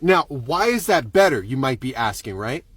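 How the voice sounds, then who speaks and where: A man telling a wild driving story as a vlogger, excitable and profane, acting out scenes with sound effects. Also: mid-range voice, moderate pace, slightly rough, dry recording. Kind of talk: animated storytelling.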